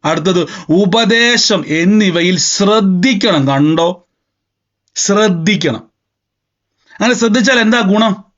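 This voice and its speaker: A male pastor delivers a sermon, reading scripture and asking the congregation one rhetorical question after another. His voice sits high for a man. The recording is dull and lo-fi. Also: lively intonation, slow pace, pauses often, fairly bright tone. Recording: dull lo-fi sound.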